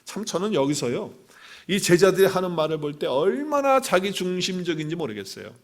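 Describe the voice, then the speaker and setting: A male pastor giving an animated Sunday sermon, asking his listeners questions and acting out the voices he quotes. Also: sits high, brisk. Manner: animated preaching, acts out quoted voices, asks the congregation questions.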